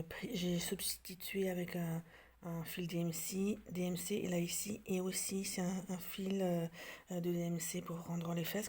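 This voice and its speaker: A woman's voice: lowish voice, slightly rough. Hesitant French woman showing her stitching. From France. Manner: hesitant, many fillers and restarts; drops to soft near-whispers while showing details. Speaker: craft vlogger. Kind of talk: casual show-and-tell.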